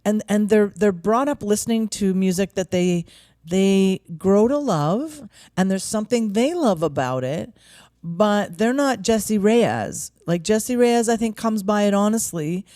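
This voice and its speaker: A woman's voice: medium pitch, animated, measured pace, dark tone, no room sound, studio quality. A woman songwriter and vocal coach in a casual conversation, earnest and thinking aloud with many likes.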